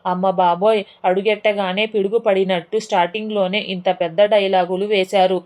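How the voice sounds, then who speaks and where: A woman's voice: medium pitch, little pitch movement, a little fast, a little mellow, natural voice. A woman reading a scheming young bride. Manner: scheming, anxious. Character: scheming young daughter-in-law, nervous and sly.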